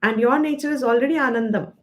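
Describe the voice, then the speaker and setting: Indian woman teaching scripture, slightly high voice. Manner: explanatory, slows to stress key terms; mixes Hindi phrases into English. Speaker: Vedanta teacher. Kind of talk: scripture study class.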